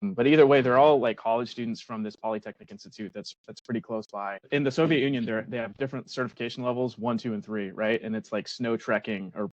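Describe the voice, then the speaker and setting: Male co-host, halting casual delivery, muffled dry recording. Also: mid-range voice, a little mellow, no echo. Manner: hesitant, many "uh" and restarts. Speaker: podcast co-host; military veteran. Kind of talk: casual podcast chat. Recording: dry, dull lo-fi mic.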